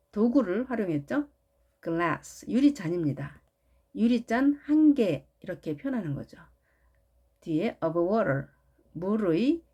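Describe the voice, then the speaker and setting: A woman teaching an English grammar lesson, explaining slowly and patiently with frequent questions to the viewer. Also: medium pitch, warm tone, slightly rough. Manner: slow, patient, deliberate explanations.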